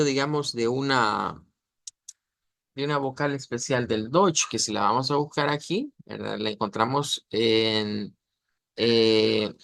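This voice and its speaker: A man teaching German pronunciation in a lesson, explaining step by step and slowly sounding out words. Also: mid-range voice, a bit bright, dry recording.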